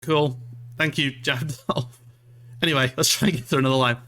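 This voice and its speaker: A male streamer from Scotland with a bright, forward voice at an average pitch. He chats casually to his viewers in a rambling, self-deprecating way and swears offhandedly. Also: steady tone, moderate pace. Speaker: streamer, VTuber. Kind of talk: casual livestream chat.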